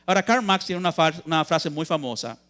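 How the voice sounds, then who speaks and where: A man's voice: on the high side, expressive, brisk, a bit bright, soft background music. A man preaching a youth sermon in a church, earnest and emphatic, posing questions and answering them, calling his listeners brothers.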